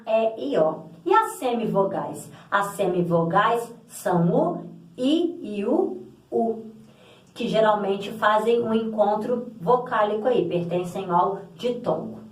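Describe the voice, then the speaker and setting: Echoey distant woman teaching grammar. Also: a little high. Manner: didactic, repeats example words aloud. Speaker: Portuguese language teacher. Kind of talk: explanatory grammar lesson.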